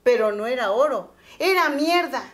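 A woman's voice: high-pitched, lively intonation, normal speed. Woman doing a spiteful grumbling neighbor. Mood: indignant. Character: spiteful adult male neighbor, resentful.

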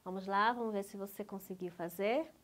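A woman with a Brazilian Portuguese accent teaching a patient, drawn-out lesson for young schoolchildren. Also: mid-range voice. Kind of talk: slow, clear school lesson for young children.

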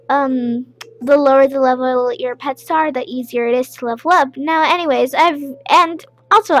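Woman, high voice, casual gameplay commentary, rambling, excitable. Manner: rambling, chatty, with excited outbursts. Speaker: gameplay video creator.

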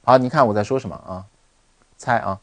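A man teaching an online English lesson, drilling words by repeating them in an animated way. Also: medium pitch, fairly quick, dry recording.

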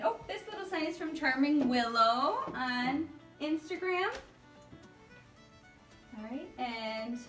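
Showing off the living and dining rooms of a house, a woman in her thirties narrates a casual home tour in an enthusiastic show-and-tell style. Her pitch is fairly high. She's a decor vlogger recorded on a camera mic a few metres off, giving a roomy sound with background music.

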